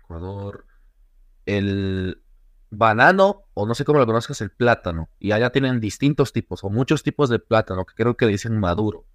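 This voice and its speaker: Young man from bolivia, podcast guest, lowish voice, dry close mic, lively storyteller who acts out quotes. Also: normal speed, no echo. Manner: animated storyteller, acts out quotes, laughs often. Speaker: guest, travel YouTuber. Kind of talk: casual podcast interview.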